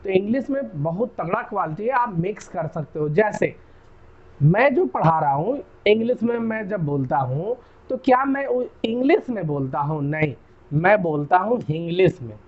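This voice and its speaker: A young Indian man with an Indian accent, giving a chatty chemistry lesson and often checking "clear?". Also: sits high, lively intonation, normal speed, muffled recording. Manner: chatty, repeats key terms, asks "clear?". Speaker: chemistry teacher. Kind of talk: casual classroom lecture.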